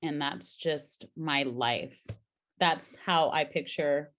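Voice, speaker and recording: A woman co-hosting a casual podcast chat, telling playful stories with dry humor and sinking quieter when musing. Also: low voice, slow pace. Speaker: co-host.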